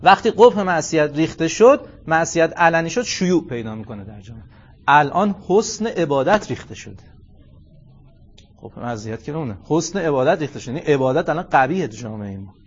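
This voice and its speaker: A middle-aged man delivers a religious lecture, his voice pitched a touch high. He shifts between hushed asides and loud, stressed phrases. The recording sounds dull and muffled. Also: expressive, slight background noise. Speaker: cleric lecturer.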